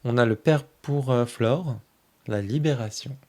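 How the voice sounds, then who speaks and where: Slow, soft-spoken man leafing through cards. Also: medium pitch. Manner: gushes fondly over each card. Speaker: tarot channel host. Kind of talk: casual oracle deck flip-through.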